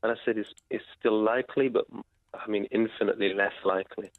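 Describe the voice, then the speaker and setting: Man calling in, halting speech, deep voice, flat delivery, phone-line sound. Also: dry recording. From Britain. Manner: halting, many fillers and pauses. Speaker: caller. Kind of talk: phone-in radio call.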